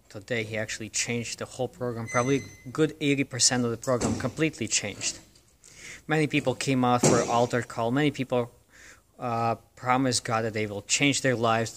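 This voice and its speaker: A man's voice: medium pitch, fairly bright tone, slight background noise. Male preacher, mid-range voice, earnest exhorting devotional talk. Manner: earnest, exhorting, repeats phrases for emphasis. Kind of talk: short devotional talk to camera.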